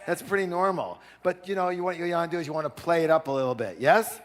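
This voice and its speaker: A man giving an energetic live seminar talk, drawing call-and-response from the audience. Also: a little high, quick pace. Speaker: seminar speaker. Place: large seminar hall. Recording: long hall reverb.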